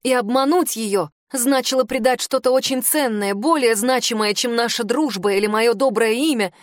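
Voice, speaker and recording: A woman narrating first-person fiction in an expressive, dramatic audiobook reading. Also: on the high side, moderate pace, no echo, studio quality.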